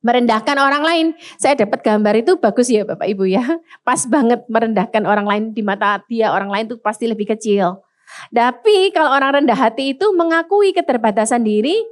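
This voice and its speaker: A woman pastor with an Indonesian accent delivers a lively sermon in a high, bright voice. She speaks straight to her congregation, drops English phrases into her preaching and mimics boastful voices with rising pitch. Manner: animated, acts out proud speakers in a raised voice; addresses congregation as Bapak Ibu.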